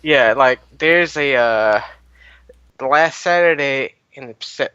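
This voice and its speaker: A man's voice: mid-range voice, slow pace, bright, forceful tone, clear, resonant tone, no echo, highs cut off. A man from North Carolina calling into a stream, a little drunk and talking loosely with plenty of swearing. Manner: loose, profane. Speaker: caller. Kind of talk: casual call-in chat.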